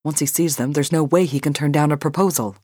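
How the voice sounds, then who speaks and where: A woman's voice: deep voice, fairly even intonation, fast, darkish tone, slightly rough, no room sound, clean studio sound. A woman reading an audiobook voices an angry male business partner who curses and gives orders. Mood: determined. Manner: blunt, cursing, commanding.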